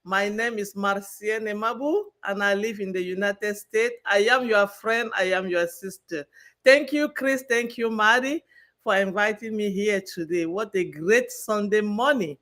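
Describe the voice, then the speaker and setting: A woman's voice: medium pitch, measured pace, a bit bright. A woman from Cameroon, a guest telling her personal story earnestly. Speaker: guest speaker. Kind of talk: personal testimony.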